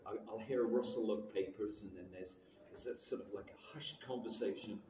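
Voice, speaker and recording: A man in his sixties, whose British accent carries a tinge of Canadian, tells stories as a chatty, self-mocking guest actor on a convention panel. His voice is fairly low and dark, and he talks fairly quickly. He's recorded from far off in a large, echoey panel hall with crowd noise.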